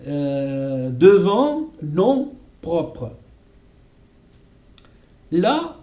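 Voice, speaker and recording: Slow, mellow-voiced French teacher. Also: male voice, on the high side, very animated, reverberant. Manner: frequent check-ins with "d'accord?" and "voilà"; repeats example phrases slowly. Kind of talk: explaining a grammar lesson.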